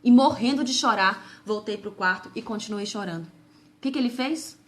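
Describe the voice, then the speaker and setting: A woman's voice: mid-range voice, normal speed. A young woman giving a fervent live-streamed testimony and sermon, calling out to viewers by name.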